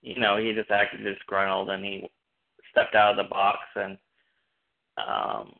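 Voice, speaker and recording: A man co-hosting a casual sports chat in a hesitant, halting way, over a muffled connection. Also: on the low side, creaky. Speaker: sports podcast co-host.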